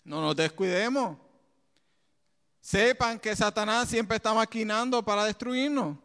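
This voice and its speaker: A man preaches with a high, smooth and resonant voice. His delivery is animated, full of quick asides and laughter. The sound has the long reverb of a large hall. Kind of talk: sermon.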